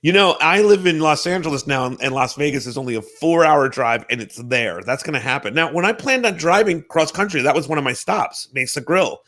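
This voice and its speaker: Animated man hosting a casual chat. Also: a little high. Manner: enthusiastic, swears casually, quick laughs. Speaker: talk show host.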